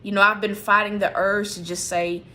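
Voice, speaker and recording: A woman speaking candidly to her livestream audience about a hard season of faith. Her voice is bright and clear at a middle pitch, and she talks in a heartfelt, confessional way with many "you know"s and "like"s. She sounds emotional, on the verge of tears. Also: little pitch movement, normal speed. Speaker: ministry livestream host. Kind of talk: candid spiritual sharing on a livestream. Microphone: streaming setup.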